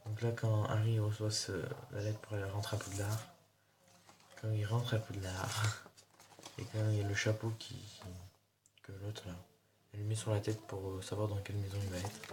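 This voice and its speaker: A man's voice: on the low side, level tone, moderate pace. A man chatting casually in a haul video, showing his purchases with a rambling, hesitant delivery full of fillers. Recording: noisy home recording.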